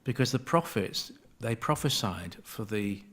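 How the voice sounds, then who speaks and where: A man's voice: fairly low pitch, lively intonation, unhurried, a bit bright, husky. Chatty man giving a Bible talk. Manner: conversational, digressive, reads scripture aloud. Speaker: Bible study speaker.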